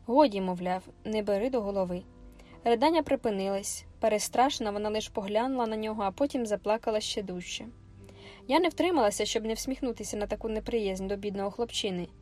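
A woman narrating a classic novel as an audiobook in a measured, expressive way. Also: mid-range voice, soft background music. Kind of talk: scripted literary narration.

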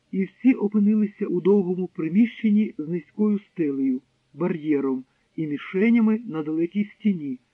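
Man reading a novel aloud, high voice, thin dry phone-like audio. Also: no echo. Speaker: audiobook narrator. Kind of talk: scripted narration. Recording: dry, tinny narrow-band sound.

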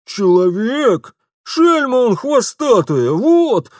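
A man's voice: high voice, lively intonation, slow pace, no room sound, clean studio sound, voice pushed up. A man voicing a whiny, indignant middle-aged shopkeeper who squeals and complains.

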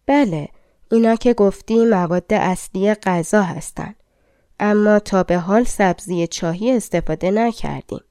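A woman's voice: medium pitch, mellow, no room sound, clean studio sound, lightly acted. A woman reading a fairy-tale audiobook, voicing a pompous male head chef of a palace with a lordly manner. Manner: lordly, skeptical, then impressed.

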